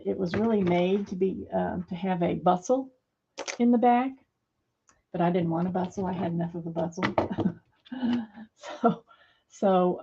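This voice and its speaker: A woman's voice: lowish voice, vocal fry, dark tone, dull audio, a little hiss or hum. A middle-aged woman hosting a craft video from her home studio, chatting casually and rambling with many fillers as she sews. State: hands a little weak, fumbling.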